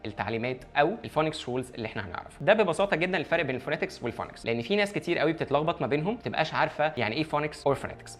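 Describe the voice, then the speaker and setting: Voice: medium pitch, animated, racing, hardly any pauses, faint music behind. An English teacher with an Egyptian Arabic accent giving an online lesson, explaining step by step and mixing in English terms.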